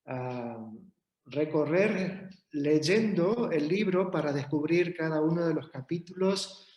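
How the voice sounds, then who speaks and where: A man moderates a book presentation in an unhurried, formal way. His voice sits slightly high, and the room gives it a noticeable echo. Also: a little mellow, highs cut off. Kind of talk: event moderation. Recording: echoey room.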